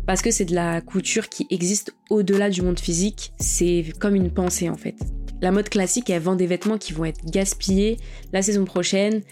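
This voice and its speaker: A woman's voice: on the low side, darkish tone. Chill woman podcaster chatting loosely w/ slang and fillers, bit of music in the back. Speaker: podcast host. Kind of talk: casual podcast talk on digital art.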